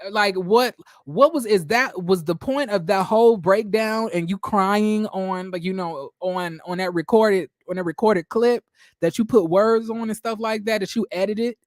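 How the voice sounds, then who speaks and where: A man with a high-pitched voice hosts a livestream recapping a reality show, reading viewer comments aloud and responding bluntly, sassily, and profanely with plenty of rhetorical questions. The recording is dry and studio quality.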